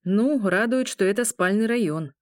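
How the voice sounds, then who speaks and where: A woman's voice: mid-range voice, lively intonation, moderate pace, no room sound, clean studio sound, close to an everyday voice. A woman voicing a tense young werewolf man who cracks nervous, sardonic jokes. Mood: wry. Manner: wry, nervous joking.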